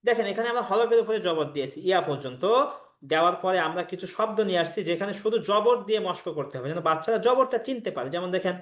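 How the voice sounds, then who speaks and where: A man's voice: high-pitched, animated, very fast. A man teaching in patient, step-by-step explanations, drilling letter sounds in a chanting rhythm. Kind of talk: instructional explanation of a reading course. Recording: echoey room sound.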